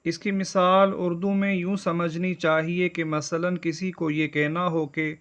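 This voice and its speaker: A man teaching a religious lesson as an Islamic studies teacher, explaining in a measured, deliberate way. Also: high-pitched, flat delivery, a bit bright. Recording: dull lo-fi voice recording.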